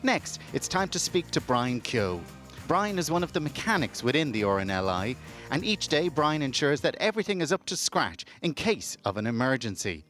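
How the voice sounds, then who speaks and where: A man's voice: mid-range voice, sing-song, moderate pace, a bit bright. A man reading scripted narration as a television reporter. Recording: voice-over with clear music bed.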